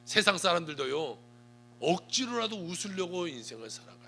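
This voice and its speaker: A male pastor preaching with a high, very bright voice that swoops up and down. His tone has a gravelly edge, and he slows down for scripture. Soft music and a low hum sit behind him. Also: sing-song. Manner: emphatic preaching with rising and falling delivery, slowing down for scripture. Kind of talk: sermon.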